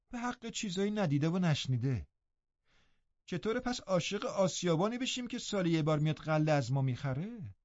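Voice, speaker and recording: A man's voice: mid-range voice, warm tone, dry recording, dull audio. A man voicing a stern middle-aged housekeeper who scolds firmly and scornfully, in an audiobook reading.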